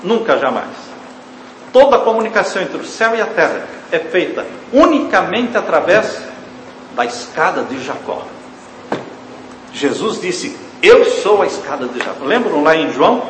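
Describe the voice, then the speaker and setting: A man preaching a sermon, leaning hard on key words, then dropping to a hushed, low voice, and calling the congregation his dear ones. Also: sing-song, normal speed, slight background noise. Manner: emphatic preaching, swings from loud stressed words to hushed low phrases. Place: church hall. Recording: echoey church hall, faint ambience.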